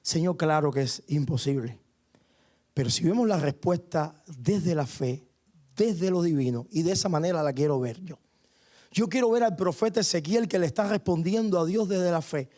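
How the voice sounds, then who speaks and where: High-voiced fervent male preacher. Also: lively intonation, normal speed, dark tone. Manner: fervent preaching with frequent hallelujahs. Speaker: guest pastor. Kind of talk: sermon. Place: church sanctuary.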